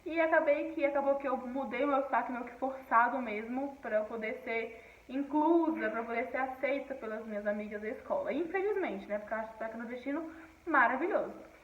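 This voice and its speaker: Recorded on a distant mic with roomy, narrow, tinny audio, a woman teacher from Paraíba in Northeast Brazil now speaks with a Brasília Portuguese accent. In a fairly high, brisk voice she explains a textbook lesson, frequently checking with her class using "tá bom?".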